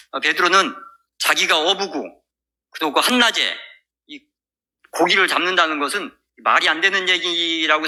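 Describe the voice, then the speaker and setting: A man's voice: a little high, bright, forceful tone. A male pastor preaching a sermon, retelling a Bible story in a storytelling manner. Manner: storytelling with many fillers and restarts.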